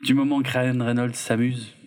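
A man's voice: mid-range voice, little pitch movement, normal speed, darkish tone. Laid-back rambling man chatting about films. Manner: rambling, laid-back, lots of filler and hedging. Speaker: podcast co-host. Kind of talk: casual film review chat.

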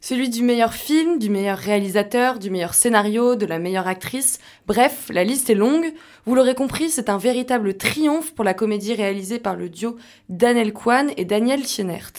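A young woman reading a scripted culture and sport segment in a lively, conversational way. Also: fairly high pitch, normal speed. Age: young adult.

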